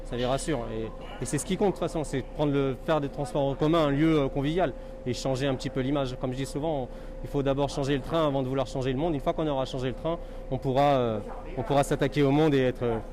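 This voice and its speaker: A man in his thirties, a metro driver giving a casual interview in halting, colloquial phrases. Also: mid-range voice, fairly even intonation. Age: 30s. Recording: loud urban transit noise behind.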